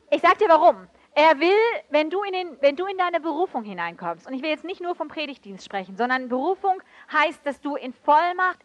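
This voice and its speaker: A woman preaching a sermon with emotive swings between loud outbursts and soft, hushed passages. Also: high-pitched. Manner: switches briefly into English.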